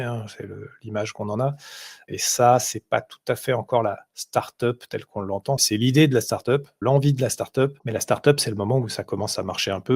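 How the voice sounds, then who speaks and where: A man co-hosting a business podcast, talking directly and steering the conversation. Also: medium pitch. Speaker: podcast co-host, business software consultant. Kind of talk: casual business podcast discussion.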